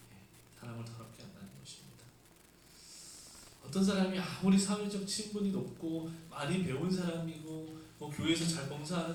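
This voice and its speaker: A man's voice: on the high side, darkish tone. A male pastor giving a Sunday sermon and explaining scripture in a conversational way, with rhetorical questions. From South Korea. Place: church sanctuary. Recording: echoey room, mic at a distance, faint hiss.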